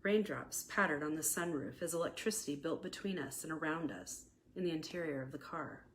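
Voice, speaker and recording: An American woman with a fairly low voice reads her own scripted romantic memoir, a novella, aloud. Her reading is expressive and deliberate, like an author presenting her story. The recording is rough, with some background noise.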